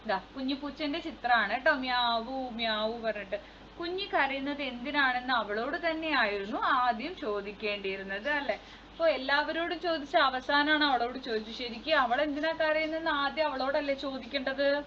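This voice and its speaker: A woman's voice: high-pitched, moderate pace, sharp tone. A woman teaching a children's textbook lesson, reading the story aloud and explaining it in simple words. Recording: slightly dull sound with faint noise.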